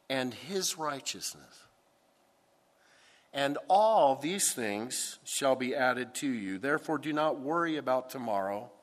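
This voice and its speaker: A pastor preaching a sermon into a pulpit microphone, with a deliberate, emphatic delivery. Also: male voice, mid-range voice. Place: church sanctuary. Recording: long church hall reverb.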